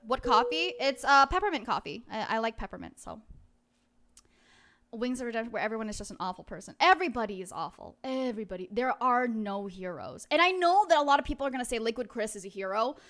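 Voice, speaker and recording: A woman with a very high, bright voice, chatting casually on a livestream. Her delivery is cutesy and playful, as she talks straight to her viewers. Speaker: livestreamer, VTuber.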